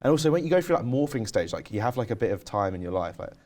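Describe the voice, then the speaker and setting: A young man co-hosting a podcast tells candid stories in casual conversation, saying "like" constantly. His medium-pitched voice has a darkish tone, and he talks in a very animated, rapid-fire way.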